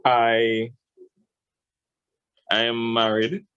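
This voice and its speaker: A man in his twenties with a deep voice and a mature, measured way of speaking. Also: completely flat delivery, fairly bright tone, clean tone, no echo. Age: 20s. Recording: dull lo-fi online call audio.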